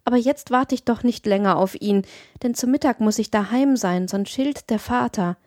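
A woman voicing a shy, wistful young peasant girl who speaks softly and bashfully, in a lifted voice. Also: a little high, moderate pace, no echo, studio quality, close to an everyday voice. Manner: soft, bashful, sighing.

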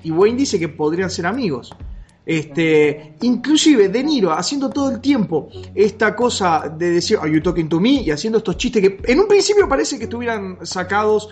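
A co-host argues in a mid-pitched, deadpan voice. The delivery stays confident and enthusiastic, never cracking a smile. Faint music sits underneath. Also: normal speed. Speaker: podcast co-host. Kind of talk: casual podcast banter.

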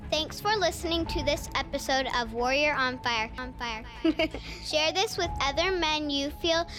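A woman's voice: high-pitched, moderate pace. A woman reading a light, scripted promotional outro for a podcast. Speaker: show outro announcer. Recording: voice over music bed.

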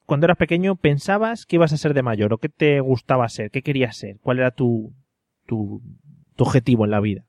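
Man hosting a podcast, relaxed teasing. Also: medium pitch, a little fast, no echo. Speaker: podcast host.

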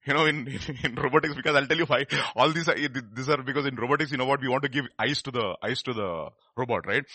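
Male preacher, middle-aged, Indian accent. Husky and forceful, conversational sermon delivery with rhetorical questions, recorded close and dry. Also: mid-range voice, no room sound. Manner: conversational, questioning, repeats phrases for emphasis. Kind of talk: animated sermon.

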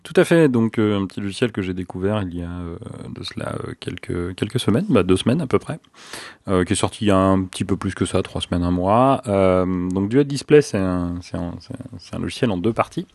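A man's voice: low voice, expressive, fairly quick, darkish tone, no room sound, clean studio sound. A man co-hosting a casual podcast, often stammering and mocking himself. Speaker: podcast co-host.

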